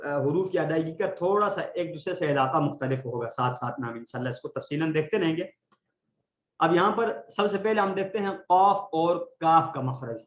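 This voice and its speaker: Man, recitation teacher, online class, slightly high voice, roomy dull lo-fi sound. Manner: patient, demonstrates sounds slowly for students to repeat.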